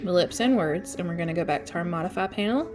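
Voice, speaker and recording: A woman's voice: on the low side, expressive, fast, music in the background. A congested woman chatting through step-by-step instructions in a casual tutorial, with frequent ums. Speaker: craft tutorial host. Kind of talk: casual screen-share tutorial.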